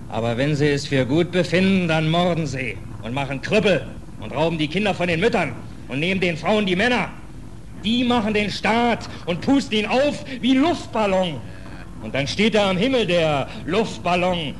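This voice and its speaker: In a 1940s German radio play, a high-voiced man plays an embittered, hungry stateless sailor aboard a death ship. He speaks in clipped, colloquial working-class tones, brooding and indignant, on a noisy old 1940s radio recording.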